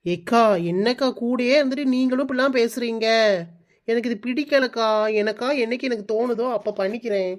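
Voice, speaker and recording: A woman's voice: fairly high pitch, brisk, natural voice. A woman voicing a stubborn village daughter in her late twenties in a cartoon, whiny and pleading. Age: 20s. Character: stubborn 29-year-old village daughter avoiding marriage. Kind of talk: cartoon voice-over.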